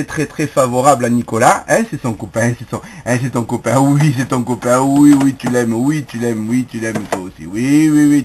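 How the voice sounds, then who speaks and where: A man's voice: on the high side, noisy background. A man filming a playful home video, coaxing and teasing his pet bird in baby talk and joking to the camera.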